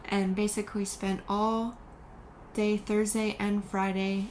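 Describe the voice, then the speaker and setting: Woman vlogger, slow flat delivery, faint background noise. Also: medium pitch, poor audio. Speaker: vlogger host. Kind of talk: casual storytelling chat.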